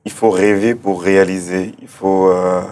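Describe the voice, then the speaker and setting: A start-up founder from Cameroon with a German-speaking background answers interview questions hesitantly, often repeating words as he thinks aloud. His voice sits low, level in tone, at a moderate pace and a little mellow.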